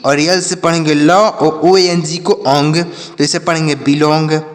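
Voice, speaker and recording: A man's voice: a little high, fairly even intonation, a little slow, long reverb tail. A man teaching an English reading lesson, spelling each word out letter by letter, then repeating it and answering his own questions. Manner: asks questions and answers them himself.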